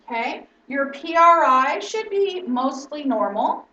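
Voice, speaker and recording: Higher-voiced woman teaching in an echoey room. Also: expressive, takes it slowly, pushed and bright. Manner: explanatory, checks in with frequent "okay?". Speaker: instructor. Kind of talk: lecture-style teaching. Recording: roomy, distant, dull lo-fi sound.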